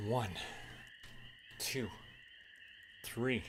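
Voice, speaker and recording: Speaking very slowly with fairly even intonation, this Canadian man has a medium-pitched voice and slight background noise behind him. He talks casually during a game livestream, addressing viewers and himself alike.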